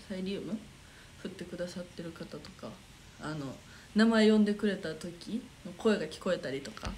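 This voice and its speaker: Hosting an idol livestream, this young Kansai-accented woman reads out viewer comments in a relaxed chat, giggles a lot, and mumbles to herself while looking for the next comment. Her voice is on the low side, and background noise comes through.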